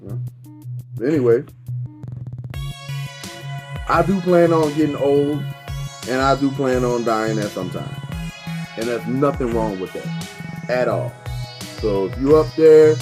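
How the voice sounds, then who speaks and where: A man in his thirties with a medium-pitched, slightly mellow voice vlogs about beer and cigars in a casual, rambling monologue. He's loose and repetitive, swears, and drifts into preachy life advice.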